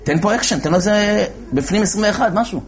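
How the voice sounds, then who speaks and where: A man telling a religious story as a sermon in an animated way, acting out the voices of the characters. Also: high voice.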